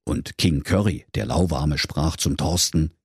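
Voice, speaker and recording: A man narrating a comic fairy tale for children in a lively, playful way. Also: extremely low pitch, measured pace, husky, dry recording, clean studio sound. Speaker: storyteller.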